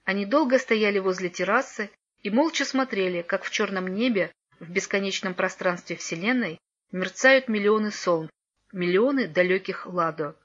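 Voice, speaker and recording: A woman narrating a fairy tale in a calm, storytelling manner. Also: mid-range voice, normal speed. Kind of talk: storybook reading. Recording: dull lo-fi recording.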